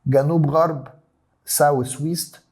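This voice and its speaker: A man's voice: a little high, fairly even intonation, normal speed, darkish tone, slight background noise. A man with an Egyptian accent teaching a science lesson, repeating key terms and mixing in English words. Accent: Egyptian Arabic. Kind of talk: classroom lesson explanation.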